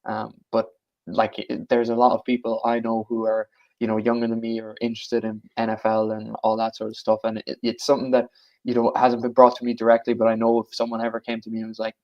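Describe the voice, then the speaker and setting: A man's voice: on the low side, monotone, quick pace, lo-fi sound. A young man from Galway with a west of Ireland accent, chatting casually and in a rambling way as a podcast guest. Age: young adult. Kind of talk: casual chat.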